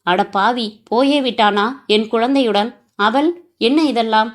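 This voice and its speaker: A woman's voice: on the high side, unhurried, close to an everyday voice. A woman voicing a frightened man who pleads and worries for his kidnapped child. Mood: panicked. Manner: anxious and pleading.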